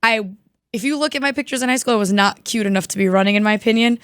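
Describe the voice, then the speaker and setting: A hoarse woman, chatting casually as a guest and filling her talk with "like". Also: on the high side, racing, a bit bright, no echo, clean studio sound. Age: 20s. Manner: chatty, many "like" fillers. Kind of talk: casual chat.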